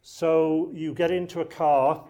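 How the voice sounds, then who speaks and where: A warm, slightly high male voice moves slowly with fairly even intonation. The speaker, an archive lecturer from South Wales with a Welsh accent, chats and jokes through a public talk for a live audience in a lecture room.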